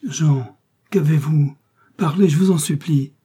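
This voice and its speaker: A man's voice: medium pitch, fairly even intonation, moderate pace, dark tone, slightly rough, pitched above the performer's own voice, lightly acted. A man reading aloud, voicing a tender, anxious young woman with a pleading, trembling manner. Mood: frightened pleading.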